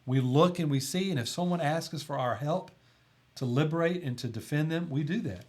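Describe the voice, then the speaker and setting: Earnest emphatic man, higher voice. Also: brisk, a little mellow. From Tennessee. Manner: earnest, emphatic, stumbles and restarts. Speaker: podcast guest, volunteer chaplain. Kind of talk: conversational podcast talk.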